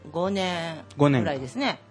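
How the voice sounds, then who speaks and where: A woman's voice: low voice, animated, moderate pace, faint music behind. A woman, a guest singer chatting playfully on a radio show. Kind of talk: casual radio chat.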